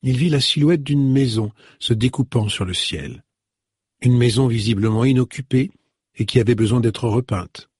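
A man with a husky voice reading a novel aloud in measured storytelling narration. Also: mid-range voice, darkish tone, no room sound, clean studio sound. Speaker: audiobook narrator. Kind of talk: scripted narration.

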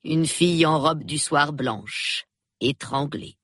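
A man reading an audiobook, voicing a shrewd, prim elderly spinster who speaks in a measured, precise, calmly reproving way. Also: a little high, no room sound, studio quality, pitched above the performer's own voice, heavily acted. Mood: calm, knowing. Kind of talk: audiobook character voice.

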